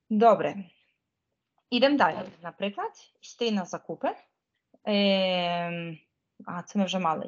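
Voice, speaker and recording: A woman's voice: mid-range voice, dull audio. A woman giving an online Spanish lesson in a chatty, informal way, often checking whether her students follow. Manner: frets about pressing buttons. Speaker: Spanish teacher.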